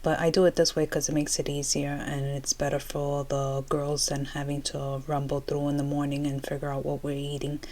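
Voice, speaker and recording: A woman's voice: low-pitched, completely flat delivery, normal speed, hardly any pauses, a little mellow. A middle-aged woman chatting casually as she cooks in a home kitchen, explaining things in a rambling way, with machine noise from a dishwasher behind her. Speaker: home cooking vlogger. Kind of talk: casual chat while cooking. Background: running dishwasher noise.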